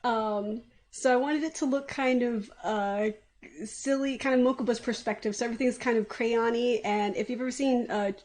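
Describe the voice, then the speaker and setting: A woman in her thirties chatting on a livestream as the series' artist. Her voice sits a little high. She rambles in a relaxed way, with plenty of uhs and likes. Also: moderate pace. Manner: rambling, relaxed, with fillers and short laughs. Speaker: artist and co-creator. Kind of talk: casual stream chat.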